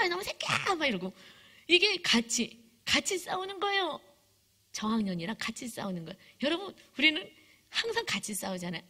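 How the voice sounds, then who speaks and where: A woman pastor giving a sermon in an animated way, acting out stories as she goes. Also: on the high side. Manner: animated, acts out stories with voices.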